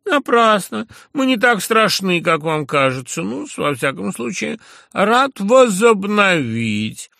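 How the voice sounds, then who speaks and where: A man's voice: high-pitched, big pitch swings, takes it slowly, gravelly, sharp tone, dry recording, studio quality, voice pushed up, full character voice. Zverkov, a man putting on a lisping drawl. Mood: condescending. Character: condescending young man, pompous, lisping and drawling.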